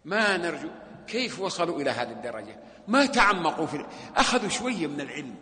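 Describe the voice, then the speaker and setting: A man's voice: fairly high pitch, big pitch swings, quick pace. A man teaching a mosque lesson, emphatic and rhetorical, putting questions to his listeners. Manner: emphatic, rhetorical, swings from loud to hushed. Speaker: sheikh teaching hadith. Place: mosque hall. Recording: echoey mosque hall.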